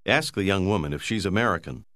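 A man narrating a language course, giving slow, clear, measured prompts. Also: sits low, lively intonation, fairly bright tone, dry recording, studio quality. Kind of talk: scripted instructional narration.

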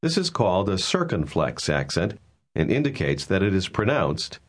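A man with a very deep, husky voice reads out a recorded language lesson. His intonation moves a lot as he explains pronunciation step by step in a measured, instructive way. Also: sing-song. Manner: measured, clear teaching delivery. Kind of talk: scripted instructional narration.

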